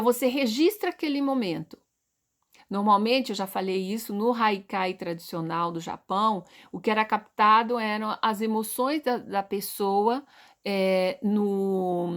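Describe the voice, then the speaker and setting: A Brazilian woman teaching poetry in a lesson video, asking questions and answering them herself, sounding out example words slowly. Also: fairly high pitch. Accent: Brazilian Portuguese. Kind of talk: explaining lesson to viewers.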